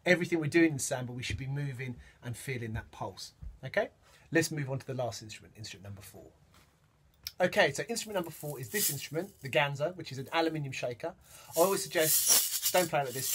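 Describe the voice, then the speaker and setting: In this samba percussion lesson, a medium-pitched male teacher counts beats and sings rhythms while demonstrating. Drumming plays loudly behind his voice, and there's slight background noise.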